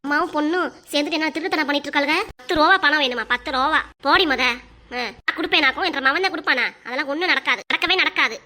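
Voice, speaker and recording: A woman's voice: high-pitched, racing, few pauses, bright, forceful tone. A woman voicing a scornful scheming mother-in-law. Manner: scornful, mocking muttering. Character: scheming older mother-in-law, scolding and suspicious. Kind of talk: cartoon voice acting.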